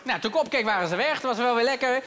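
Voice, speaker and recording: A male stand-up comedian with a bright, forward tone and a voice that swings freely up and down. He tells self-mocking stories with animated energy, heard from a stage in a reverberant theater with a faint hiss underneath. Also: very high-pitched, very fast. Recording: live theater hall reverb, faint noise.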